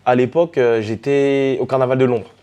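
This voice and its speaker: Laid-back man telling stories, dark tone. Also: medium pitch, a little fast, smooth. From French Caribbean. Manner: relaxed, many fillers and restarts, addresses the host familiarly. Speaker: DJ and artist, interview guest. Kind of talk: casual storytelling interview.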